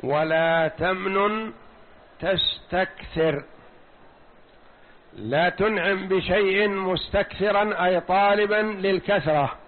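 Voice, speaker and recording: An older man giving a slow, deliberate religious lecture, repeating and explaining words one at a time. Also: high-pitched. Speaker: Quran commentary teacher. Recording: tinny phone-like recording.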